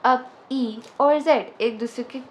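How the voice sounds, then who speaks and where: High-voiced young woman telling a story. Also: slow. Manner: animated, mixes English phrases into Hindi. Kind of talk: casual storytime narration.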